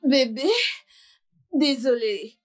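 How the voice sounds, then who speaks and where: A fierce, vengeful daughter. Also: female voice, sits high, extremely slow, faint music behind. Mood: defiant. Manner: defiant, insistent. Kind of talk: French film dub.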